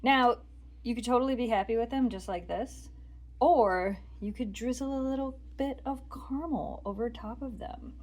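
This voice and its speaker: A woman's voice: fairly high pitch, moderate pace, darkish tone. A woman from the Midwest, hosting a casual home cooking vlog and chatting straight to her viewers in an upbeat way. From American Midwest. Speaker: cooking channel host.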